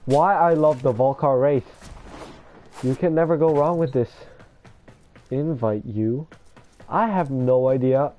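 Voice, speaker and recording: A man's voice: mid-range voice, normal speed, warm tone, faint music behind. A man casually commenting over a video game, rambling and self-deprecating as he talks to viewers. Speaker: gamer showing his builds.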